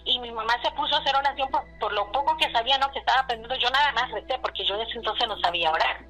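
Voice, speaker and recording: A woman's voice: a little high, racing, pushed and bright, faint music behind, low-quality recording. A woman with a Mexican accent telling a personal story in a rambling, casual way. She keeps repeating "le digo" and "dice" and uses fillers like "este".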